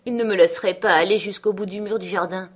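A woman's voice: medium pitch, steady tone, fast, lightly acted. Woman voicing a curt, cold young lady. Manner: curt, cutting. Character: cold, sharp-tongued young woman of the house.

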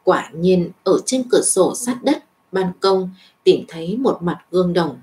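Low-voiced woman reading a story. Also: expressive, measured pace, mellow. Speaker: narrator. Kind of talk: scripted narration of a web novel.

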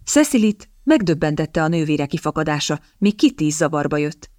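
A woman narrating an audiobook in a calm, even storytelling manner. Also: deep voice, no echo, clean studio sound. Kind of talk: scripted narration.

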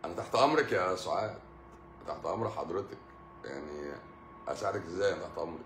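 A middle-aged doctor with an Egyptian Arabic accent chats casually with his live-stream viewers, telling jokey stories and laughing a lot. His low voice races along. The sound is reverberant, with background noise.

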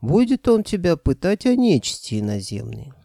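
Man doing old grandpa, folksy, firm, raised pitch, gravelly. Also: sing-song, normal speed, mellow, no room sound, clean studio sound.

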